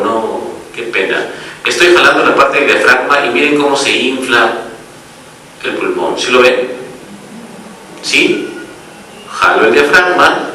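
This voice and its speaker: Male pediatric lecturer, patient and explanatory, bright tone, heard with heavy room echo and faint background noise. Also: mid-range voice, recorded from a distance. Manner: explanatory, checks in often with the audience. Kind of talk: medical lecture.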